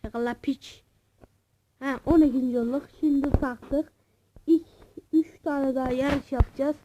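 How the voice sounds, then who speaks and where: High-pitched woman host for a home let's-play; excitable, foul-mouthed, trash-talks opponents. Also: a little slow, background noise. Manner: excitable, swears and heckles rivals. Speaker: gaming channel host. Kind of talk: casual let's-play commentary.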